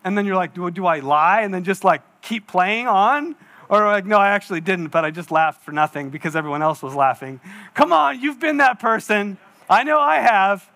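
A pastor in his forties giving a sermon, with a high and bright voice. He talks in a chatty, self-mocking way and tells stories with acted-out asides. It is a man speaking to his congregation in a church. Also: expressive, moderate pace. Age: 40s. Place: church hall.

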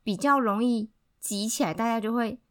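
A woman's voice: on the high side, normal speed, a bit bright. A young woman who works part-time, chatting casually on a podcast with blunt, sarcastic quips. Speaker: podcast co-host. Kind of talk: casual chat.

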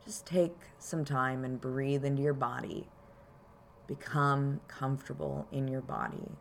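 A woman podcast host leading a calm grounding exercise, softly and gently prompting the listener with unhurried pauses. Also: a bass voice, creaky, slight background noise. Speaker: podcast host and card reader.

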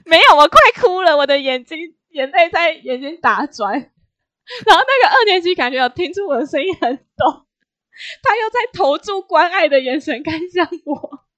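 A young woman with a high, very lively voice recounts a work mishap in casual chat. She laughs often and acts out the people in her story. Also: normal speed, muffled recording. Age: young adult. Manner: animated storytelling with laughter and acted quotes.

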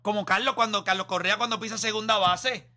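A young man hosts a casual sports debate, pressing his argument with drawn-out, emphatic phrasing. His voice sits high and sounds very bright and forceful. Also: steady tone. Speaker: sports podcast host.

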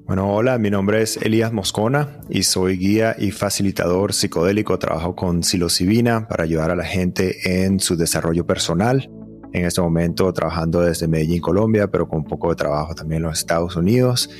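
A man from Venezuela, a guest in an interview, telling his story in a relaxed, reflective way with small fillers. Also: low voice, brisk, faint music behind. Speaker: guest, psychedelic facilitator. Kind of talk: conversational interview.

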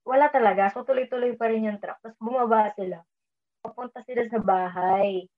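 A woman with a slightly high voice talks fairly quickly, telling a personal story about a dream in a relaxed chat. She mixes in English, speaks up louder when quoting herself, and sounds like she's on a tinny phone line.

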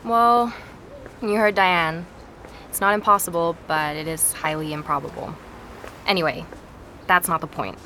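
An actress voices an inquisitive young woman podcaster investigating a mystery in an audio drama, quick to question and eager. Her voice sits on the low side, steady yet sharp, with a little hiss or hum present.

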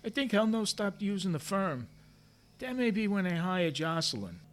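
A man's voice: high-pitched, very animated, normal speed. An actor playing a gossipy, defensive middle-aged office man who hedges his answers and drops his voice for asides. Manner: hedging, self-justifying, drops voice for asides.

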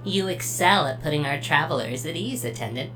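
A woman's voice: sits low, animated, fairly quick. A woman playing a polite, logical computer cash register in an audio drama, speaking formally and precisely. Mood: helpful. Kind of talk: scripted audio drama acting. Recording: clearly audible humming noise.

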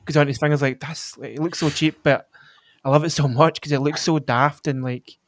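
Guy on a film podcast, kinda high voice, rambles a lot, dry close mic. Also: fairly even intonation, a little fast, dry recording. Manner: chatty, rambling with many fillers and restarts. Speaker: podcast co-host. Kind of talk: casual film chat.

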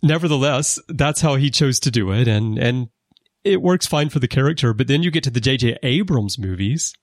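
A man hosting a casual podcast conversation, explaining background at length with lively emphasis. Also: medium pitch, normal speed, no room sound, studio quality. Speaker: podcast host. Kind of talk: casual conversation about a TV series. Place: lives in Japan.

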